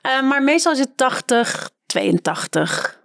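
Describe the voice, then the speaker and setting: A woman author from the Netherlands, a podcast guest talking casually and brightly. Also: measured pace, creaky, dry recording, clean studio sound. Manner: lively, quotes texts in a higher playful voice.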